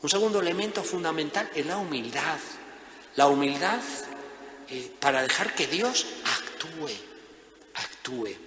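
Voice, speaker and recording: A male priest giving a Lenten conference talk in a lively, animated manner. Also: on the high side, a little hiss or hum. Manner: lively, acts out voices in anecdotes. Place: monastery church or hall. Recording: echoey hall with long reverb.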